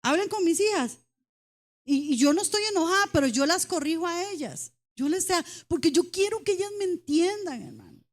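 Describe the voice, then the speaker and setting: High-voiced woman preaching a sermon. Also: animated, fairly quick. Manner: emphatic, repeatedly addresses the congregation as brothers; speaks as a mother, mentions her daughters. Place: church.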